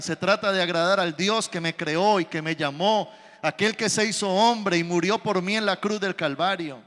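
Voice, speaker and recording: A man's voice: high-pitched, sharp tone. A man preaching a sermon as pastor, telling the story with dramatic, storytelling flair. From Colombia. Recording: long church reverb.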